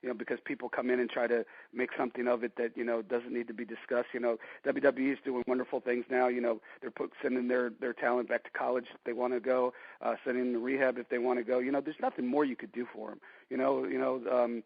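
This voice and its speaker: Over a dull, dry lo-fi line, a guest in his forties tells rambling stories in a casual interview, constantly saying "you know". His mid-range voice is gravelly and husky, fast, with little pitch movement.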